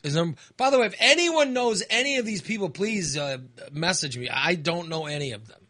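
Animated, bright-voiced American radio host. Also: male voice, sits high, dry recording, clean studio sound. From United States. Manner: rambling, halting, with restarts and fillers. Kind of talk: casual radio chat.

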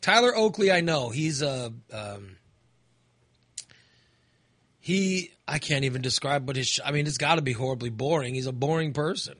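An American man hosts a loose radio chat, his bright voice swinging up and down as he talks. He rambles and restarts, and a dry, close studio mic leaves little room sound. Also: medium pitch, lively intonation, no echo. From United States. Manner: rambling, halting, with restarts and fillers. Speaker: radio host.

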